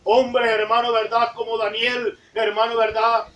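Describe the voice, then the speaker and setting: A woman preaching a sermon in a church, fervent, tagging nearly every phrase with a call to the congregation and rising to shouts at the high points. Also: little pitch movement, unhurried, reverberant, far from the mic, muffled recording. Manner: fervent, repeats "hermano, ¿verdad?" after nearly every phrase; rises to shouting at emphatic points.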